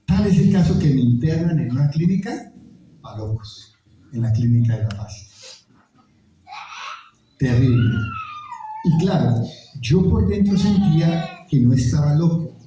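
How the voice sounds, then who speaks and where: A man's voice: fairly high pitch, huge pitch swings, moderate pace, dark tone, a little hiss or hum. A Colombian man giving an emotional testimony at a conference, acting out the voices of the people in his story. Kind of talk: testimony talk. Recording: very echoey hall, from a distance.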